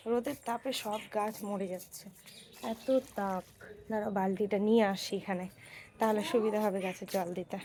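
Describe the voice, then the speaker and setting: A woman's voice: mid-range voice, fairly even intonation, moderate pace, a little mellow, a little hiss or hum. A woman vlogging casually on a rooftop outdoors, chatting with viewers and giving her child instructions. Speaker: vlogger and mother. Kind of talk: casual daily-life vlog.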